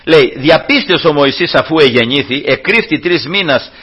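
A man's voice: a little high, lively intonation, fairly bright tone, slightly rough. A male preacher delivering a sermon, retelling a Bible story with rhetorical questions and calling his listeners brothers. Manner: addresses listeners as brothers, rhetorical questions, voices characters in quotes.

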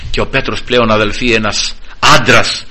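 A male preacher delivers a fervent sermon, his voice strikingly bright and ringing. He talks in halting bursts and keeps addressing the congregation as brothers. His delivery leaps from low and quiet to high and loud. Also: steady tone. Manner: fervent, swings sharply up and down in pitch and volume; addresses listeners constantly as brothers, halting restarts.

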